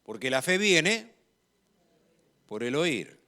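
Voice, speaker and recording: A man with an Argentine accent preaches a sermon in a measured, emphatic style, his voice rising in volume on key phrases. It sits a little high with a sing-song quality.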